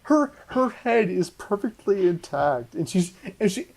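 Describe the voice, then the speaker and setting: A young man co-hosting a casual podcast movie discussion, excitable, swearing a lot and stumbling over restarts. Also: sits high, measured pace, vocal fry. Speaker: podcast co-host.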